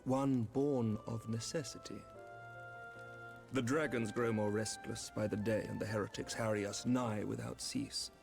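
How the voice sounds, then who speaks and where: An actor playing a courtly, measured knight commander in a fantasy game, with a smooth, snake-like voice. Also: male voice, lowish voice. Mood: grave, measured. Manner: formal, deliberate, diplomatic. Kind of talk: fantasy video game acting.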